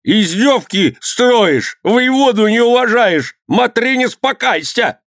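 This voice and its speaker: A man's voice: fairly high pitch, sing-song, takes it slowly, dry recording, studio quality, voice pushed up, exaggerated voice. A man voicing a petty, spiteful town governor who screeches and sputters with rage. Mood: furious.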